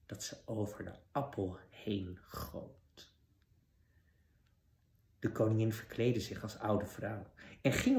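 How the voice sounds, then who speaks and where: A man reading a children's fairy tale aloud with expressive narration. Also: mid-range voice. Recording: roomy echo.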